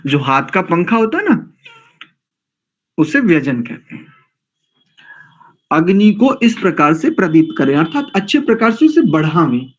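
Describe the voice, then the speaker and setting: A man's voice: high-pitched, breathy edge, highs cut off. A man teaching a scripture class, drilling mantra pronunciation syllable by syllable and quizzing his students. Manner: slow, deliberate, drawn-out mantra pronunciation drills; asks the class questions and corrects himself. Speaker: Vedic teacher.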